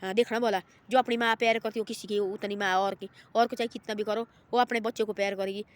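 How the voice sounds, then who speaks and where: A woman's voice: medium pitch, steady tone, fast talker. A woman telling an informal moral story, rambling and repeating herself and voicing the people in it. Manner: rambling and repetitive, voices the people in her story.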